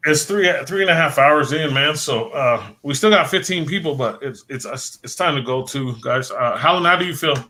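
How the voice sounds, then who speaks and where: A man hosts a casual late-night livestream, rambling and repeating words as he thanks viewers by name while losing his voice, which sounds worn and fading. His tone is a little high, bright and forceful, at a moderate pace with hardly any pauses.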